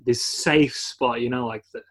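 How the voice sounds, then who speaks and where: A man talks through a film with his co-host in an easygoing way. His voice is a little husky, and he laughs often and swears lightly. The talk is loose and chatty. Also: mid-range voice, steady tone, a little slow, fairly bright tone. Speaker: podcast co-host. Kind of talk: casual film review chat.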